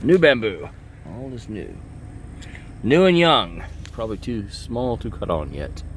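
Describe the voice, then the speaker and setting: In a bamboo grove, a man from the American South with a voice on the low side makes a casual demo vlog on his handheld phone. The hobbyist bladesmith keeps things playful by teasing the plants, with slight noise in the background.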